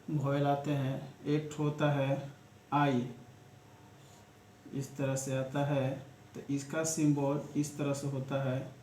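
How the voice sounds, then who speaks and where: Slow, flat-voiced shorthand teacher. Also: male voice, on the high side. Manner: slow, repetitive, talks through each step. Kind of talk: classroom-style lesson explanation. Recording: echoey room with faint ambient noise.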